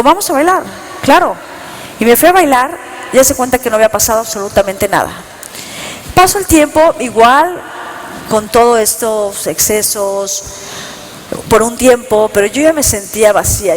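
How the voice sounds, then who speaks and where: A woman's voice: a little high, animated, normal speed. A woman giving an earnest personal testimony to an audience, telling her story step by step. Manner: earnest storytelling, reliving events, quoting herself and others. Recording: long reverb in a hall, faint noise.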